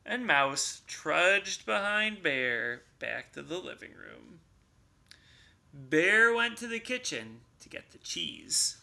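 A man reading a storybook aloud to children as a church class teacher, slow and expressive. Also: sits high, vocal fry.

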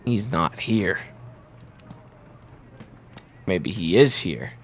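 A young adult man with a low-sitting voice gives casual gameplay commentary, speaking very slowly yet animatedly. He's reactive and profane and repeats himself a lot. A little hiss or hum runs underneath.

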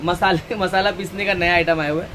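A man's voice: high voice, fairly even intonation, brisk, crowd noise. A man in his thirties, a shop owner, showing products in a casual chatty way and drifting into preachy asides. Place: crowded housewares shop, indoors. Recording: noisy shop with traffic outside.

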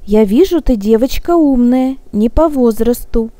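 A woman's voice: on the high side, animated, unhurried, dark tone, no echo. A woman voicing a kindly old male gnome who speaks gallantly and soothingly.

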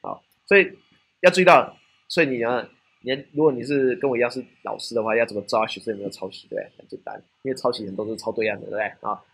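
A man's voice: medium pitch, quick pace, gravelly, a bit bright, slightly rough. A man with a Taiwanese Mandarin accent giving a technical classroom lecture, often asking rhetorical questions and checking in with "right?".

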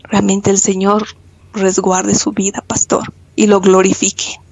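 A woman's voice: mid-range voice, monotone, a little slow, a little mellow, poor audio. A woman with a Bolivian accent, giving an earnest, devout testimony to her pastor over an online call. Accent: Bolivian Spanish. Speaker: church member giving a testimony.

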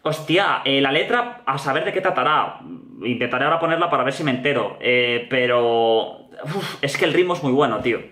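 A young man with a Spain Spanish accent giving animated, slang-filled commentary while reacting to a music video. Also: medium pitch, brisk. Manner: animated, slangy, repeats "tío" often. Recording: echoey room.

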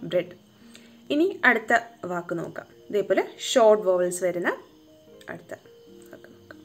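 A woman teaching English phonics, sounding out words syllable by syllable and coaxing her young learners with questions. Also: mid-range voice. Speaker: home tuition teacher. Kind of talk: phonics lesson for children.

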